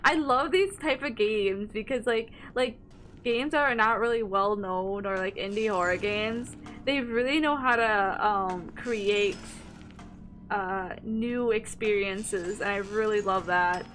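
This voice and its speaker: Slow-talking young woman streamer. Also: medium pitch, fairly bright tone, faint music behind. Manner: thinks aloud, hesitant, lots of fillers. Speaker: horror game streamer. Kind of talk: casual gameplay commentary.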